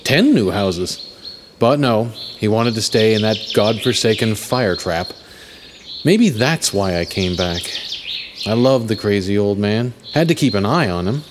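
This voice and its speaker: A man's voice: fairly low pitch, noisy background. A man narrating a first-person story in a reflective, wry manner. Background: music.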